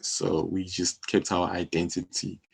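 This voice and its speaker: A low-pitched man in his thirties with a South African accent speaks flatly at a measured pace, his voice creaky with a breathy edge. As an interview guest and music publisher, he explains his work informally in a conversational interview, often saying "you know".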